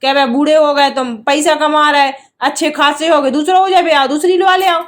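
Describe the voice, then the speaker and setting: A woman with a Bundeli accent plays the wife in a comic couple sketch. Her voice sits very high and carries loudly, full of scolding and quick comebacks. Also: fairly even intonation. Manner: loud, scolding, sharp retorts. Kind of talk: scripted comic couple banter.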